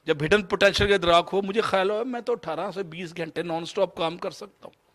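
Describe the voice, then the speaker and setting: Man, fifties, Pakistani Urdu accent, motivational speaker, storytelling lecture, English phrases mixed in. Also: high voice. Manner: mixes English phrases into Urdu, shifts between loud and soft.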